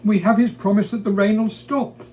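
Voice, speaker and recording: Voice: mid-range voice, steady tone, moderate pace, a little mellow, muffled recording, pitched above the performer's own voice, lightly acted. A performer voicing a worried, earnest, pleading male patriarch in a storybook reading. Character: worried pleading old patriarch Mister Noah. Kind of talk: storybook character voice.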